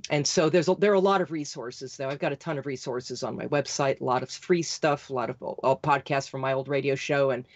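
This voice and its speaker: A woman being interviewed as a podcast guest, talking quickly and insistently, like an auctioneer. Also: very deep voice, dry recording, lo-fi sound. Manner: insistent, rapid, talks like an auctioneer. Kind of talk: fast, emphatic interview talk.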